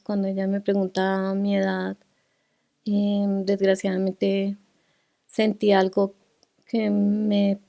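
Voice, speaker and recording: Middle-aged woman, mellow dark voice, flat pitch, halting testimony. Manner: halting, with restarts and fillers while recounting. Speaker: guest, grieving mother. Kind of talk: emotional personal testimony.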